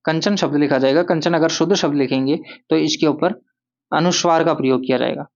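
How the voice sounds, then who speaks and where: A man's voice: fairly high pitch, fairly even intonation, a little fast, gravelly, highs cut off. A male Hindi grammar teacher giving a lesson, who repeats key words and asks and answers his own questions. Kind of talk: classroom-style grammar lesson.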